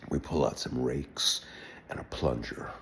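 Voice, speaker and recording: An older man telling a wry personal anecdote in a relaxed, halting way, with wry understatement. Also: very deep voice, slight background noise. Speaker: storyteller. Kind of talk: personal anecdote told aloud.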